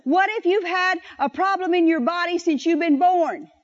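High-voiced woman preaching with call-and-response. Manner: animated, slows down to stress scripture and leads the crowd in repeating lines. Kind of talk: sermon with congregation call-and-response. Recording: dull, lo-fi church recording.

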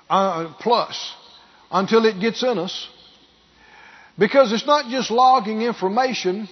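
A pastor preaching a sermon, repeating key phrases for emphasis and building to loud bursts. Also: male voice, high voice, husky, lo-fi sound.

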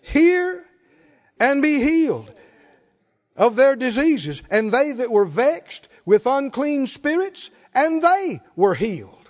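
A man's voice: very high-pitched, big pitch swings, slow pace, lo-fi sound. A male pastor preaching a sermon, emphatic, prompting the congregation with short questions.

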